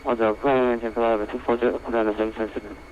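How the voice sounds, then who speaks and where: Very rapid male pilot on radio. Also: mid-range voice, flat delivery, darkish tone. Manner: clipped procedural repetition. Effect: radio transmission. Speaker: airline pilot on an online flight simulation network. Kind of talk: air traffic radio readbacks. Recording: muffled lo-fi radio with faint noise.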